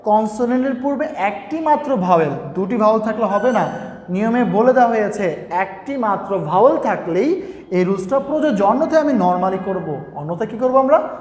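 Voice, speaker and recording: A man's voice: high-pitched, animated, a little fast, darkish tone, slight background noise. A man teaching a grammar lesson, repeating each rule and asking the students questions. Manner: repeats points and quizzes students. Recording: echoey room with long reverb.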